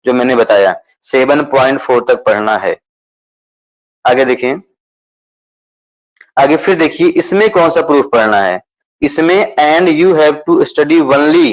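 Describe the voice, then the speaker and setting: A man's voice: medium pitch, rough recording. Male math teacher, patient and repetitive, mixing English terms into Hindi, checking in with the class often. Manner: repetitive, checks understanding with questions. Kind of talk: explaining a syllabus to students.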